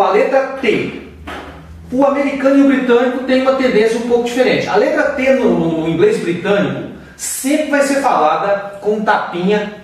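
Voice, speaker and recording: A Brazilian English teacher with a high-sitting voice gives a casual pronunciation lesson, explaining slowly and pausing to demonstrate sounds. He sounds far from the mic in a very echoey room, with a little hiss or hum.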